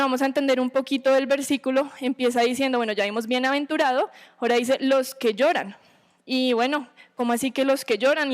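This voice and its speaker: A woman giving a sermon to a women's meeting, teaching in a conversational way, asking rhetorical questions and checking in with her listeners. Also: sits high.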